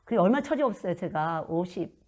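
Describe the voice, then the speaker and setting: A woman in her fifties delivers a sermon in a husky voice. She tells stories from her own life. Her level swings from loud, emphatic lines to hushed, almost whispered asides. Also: on the low side, expressive, brisk. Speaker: children's missionary preacher.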